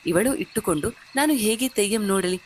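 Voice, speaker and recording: A woman's voice: medium pitch, animated, brisk, a little hiss or hum, natural voice. A woman narrator voicing a cheerful middle-aged village mother who chats in a friendly way. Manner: friendly, chatty.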